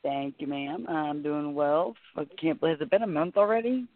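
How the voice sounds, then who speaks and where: A woman's voice: low voice, normal speed, dry recording. Chatty middle-aged woman on a phone line. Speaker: returning talk show guest. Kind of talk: casual chat. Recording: dry, narrow phone-line sound.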